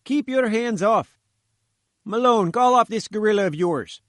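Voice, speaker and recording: A man's voice: high-pitched, lively intonation, unhurried, fairly bright tone, dry recording, studio quality, voice pushed up. A man doing a sputtering fat little reporter. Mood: pleading. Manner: sputtering, pleading, cheeky.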